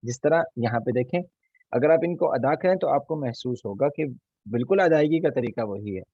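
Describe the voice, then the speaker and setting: A man teaching an online recitation class, patiently repeating each letter slowly so students can copy him. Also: mid-range voice, lively intonation, husky, no echo, dull audio. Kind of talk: online tajweed class lesson.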